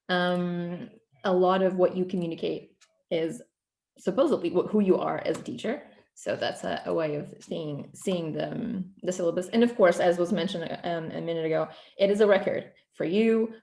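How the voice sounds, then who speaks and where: A woman's voice: on the low side, mellow, reverberant. A woman from Portugal, a non-native English speaker, giving a guest presentation over a video call, fluent but with frequent ums and restarts. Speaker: guest speaker, program coordinator.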